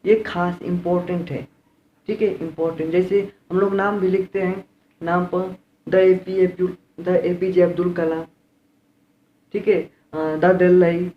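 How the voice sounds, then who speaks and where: A man's voice: high voice, little pitch movement, unhurried. A man with an Indian accent teaching English grammar in a classroom style. He repeats key words and keeps asking rhetorical questions. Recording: roomy, dull lo-fi with faint room noise.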